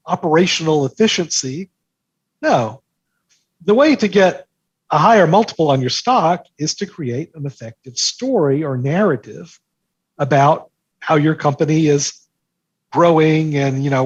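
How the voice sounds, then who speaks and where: A markets newsletter author speaks as an interview guest, explaining things conversationally yet emphatically and repeating phrases for effect. His voice is on the high side and slightly rough, and the recording is dry and muffled.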